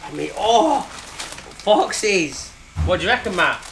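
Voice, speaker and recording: A man with a bright, forceful voice and a fairly high pitch chats casually in a scrapyard vlog. His pitch swings about lively as he teases and jokes with his mates. A faint hum of background noise sits under him. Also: slow pace, creaky, poor audio. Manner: teasing banter, laughs often. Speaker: scrapyard owner vlogger. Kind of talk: casual jokey vlog chat. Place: car breakers' yard workshop.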